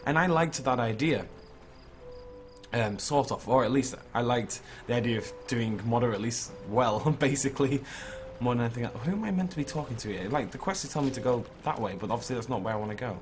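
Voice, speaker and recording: Hungover, slightly hoarse man rambling casually. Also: medium pitch, animated, fast, over music. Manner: informal, rambling, self-critical. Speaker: gaming video creator. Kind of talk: casual vlog chat over gameplay. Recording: clearly noisy background ambience.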